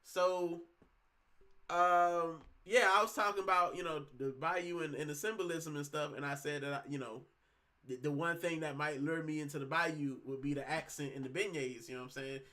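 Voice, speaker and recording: His voice is a little high and sharp in tone, with fairly even intonation at a normal speed. The speaker, a Puerto Rican man in his thirties, hosts a casual livestream at home, chatting and rambling in slang, using many fillers and reading out comments from chat.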